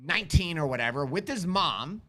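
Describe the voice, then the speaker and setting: Lively, bright-voiced man hosting a live stream. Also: a little high, normal speed. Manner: animated storyteller, asks rhetorical questions; talks with his kids on stream. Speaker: firearms instructor and livestream host. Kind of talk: live-stream chat answering viewer questions.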